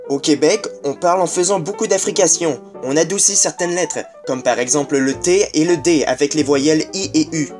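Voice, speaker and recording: A man's voice: on the high side, darkish tone. A man with a Québécois accent narrating a comic history lesson with wry, sarcastic asides. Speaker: video host.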